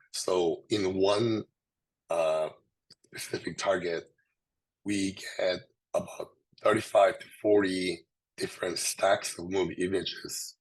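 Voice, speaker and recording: Hoarse, low-voiced man with a sore throat. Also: low-quality recording. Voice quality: hoarse, husky. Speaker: presenter, researcher. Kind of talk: scientific presentation.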